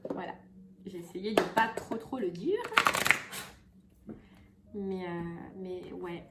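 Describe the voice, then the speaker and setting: A woman's voice: fairly low pitch, fairly even intonation, slow, pauses often, heavy background noise. Chatty woman doing a casual tarot reading. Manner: chatty, many fillers and repeats. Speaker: tarot reader.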